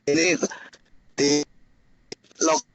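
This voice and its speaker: A man's voice: a little high, steady tone, very slow, no room sound, low-quality recording. Man on a choppy, breaking-up call. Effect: choppy, breaking-up online call connection. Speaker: student presenter in an online class. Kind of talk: casual online class talk. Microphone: phone on a mobile data connection.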